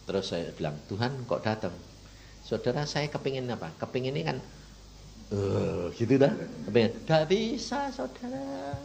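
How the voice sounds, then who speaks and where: A man, an evangelist, giving a colloquial testimony sermon, swinging between loud emotional outbursts and soft, quiet drops. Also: mid-range voice, big pitch swings, normal speed, gravelly, a little hiss or hum. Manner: colloquial, addresses listeners as brothers and sisters.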